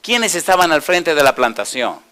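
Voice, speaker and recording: A male pastor preaching a sermon, asking the congregation questions and answering them himself, and reading scripture slowly. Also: fairly high pitch, very animated, pushed and bright. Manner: reads scripture slowly and deliberately.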